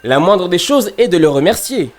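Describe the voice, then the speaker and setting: A man's voice: high voice, big pitch swings, moderate pace. A man voicing a cocky, brave young male hedgehog hero in an amateur French game fan dub. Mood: confident. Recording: background music under the voice.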